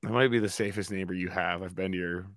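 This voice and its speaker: A man's voice: sits low, steady tone, quick pace, no echo, clean studio sound. A man co-hosting a casual podcast, teasing and sarcastic. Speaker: podcast co-host.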